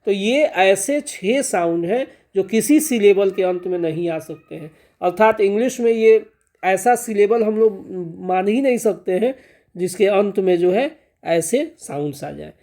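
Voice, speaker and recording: A male teacher with a fairly high-pitched voice explains a pronunciation lesson step by step. He stretches out the example sounds slowly and keeps checking that his students are following. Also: lively intonation, warm tone. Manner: repeats "clear ho gaya" and "theek hai" as check-ins; slow, drawn-out enunciation of example sounds. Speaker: English teacher. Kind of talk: classroom-style explanation.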